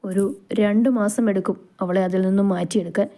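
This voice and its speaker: A protective young husband in a storybook romance, soothing and earnest, his mellow voice staying close to an everyday tone, as a woman narrator voices him. He reassures and explains with steady care. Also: mid-range voice, a little fast, close to an everyday voice. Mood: tender. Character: young man, protective and tender groom.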